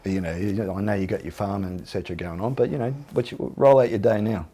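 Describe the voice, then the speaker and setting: A man's voice: fairly low pitch, quick pace, warm tone, slightly rough. A man hosting a casual interview, joking, swearing and rambling through his questions. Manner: jokey, swears, laughs often, rambling questions. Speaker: interview host.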